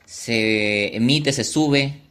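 A man's voice: medium pitch, extremely slow, fairly bright tone. A man hosting a casual podcast, joking and playful. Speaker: podcast host.

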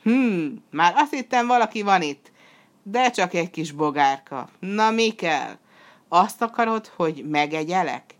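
A woman voicing a fierce, greedy male devil monster in a storybook reading, booming and menacing. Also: lightly acted. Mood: mocking.

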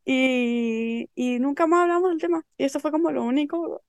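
Chilean girl telling a sleep story, really high voice, no room sound. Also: normal speed, dry recording, studio quality. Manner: animated, acts out scenes with slang. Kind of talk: casual storytelling.

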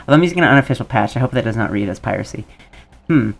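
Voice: mid-range voice, expressive, very fast, vocal fry. A game player giving casual, musing commentary and reading dialogue choices aloud.

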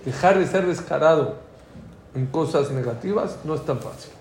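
In an echoey room with faint ambient noise, a middle-aged man with a Mexican Spanish accent leads an informal religious class. His voice is fairly high and his speed normal, and he tells anecdotes as a lively storyteller, acting out the dialogue.

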